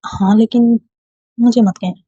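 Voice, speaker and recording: A shy, gentle young woman in love, as a storyteller voices her, speaking softly and pleading in a husky, mellow tone. She talks slowly and unhurriedly. The recording sounds dry and a little muffled. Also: fairly high pitch, steady tone, no echo. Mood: affectionate. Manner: soft, pleading. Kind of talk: storybook dialogue read aloud.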